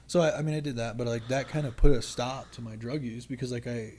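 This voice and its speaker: A man's voice: mid-range voice, fast, a little mellow, a little hiss or hum. A young man sharing his story as a podcast guest, casual and candid, rambling with lots of filler and swearing. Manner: rambling, heavy use of "like" and swearing.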